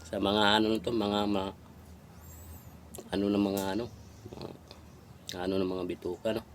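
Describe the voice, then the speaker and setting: A man vlogging himself eating, chewing between bites and teasing his viewers with a drawn-out, mocking "hmm?". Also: fairly low pitch, level tone, slight background noise. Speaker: mukbang vlogger. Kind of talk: eating on camera, talking to viewers.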